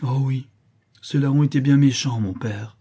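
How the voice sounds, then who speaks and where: A man's voice: mid-range voice, steady tone, moderate pace, warm tone, lightly acted. A man reading the part of a penitent young woman, pleading and anguished, in an audiobook. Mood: bitter.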